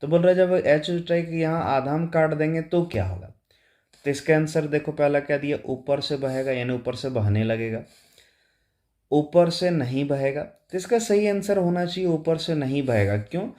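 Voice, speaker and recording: A man teaches board-exam physics. He solves one objective question after another and keeps asking if it is clear. He mixes English terms into his explanations. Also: fairly high pitch, normal speed, darkish tone. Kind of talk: exam-prep lecture solving objective questions.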